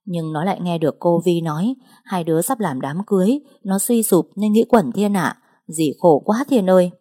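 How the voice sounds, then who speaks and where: A woman's voice: fairly low pitch, moderate pace, dark tone, close to an everyday voice. A woman doing a desperate, pleading mother. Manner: imploring, insistent. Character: desperate middle-aged mother, tearful and pleading.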